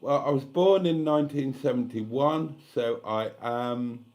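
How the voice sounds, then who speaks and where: Male streamer, 50s, mid-pitched, frank and foul-mouthed, drifts off on tangents while reading comments. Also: a little slow, darkish tone. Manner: blunt, candid and sweary, rambling asides. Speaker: livestream host. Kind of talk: casual live-stream chat reading comments.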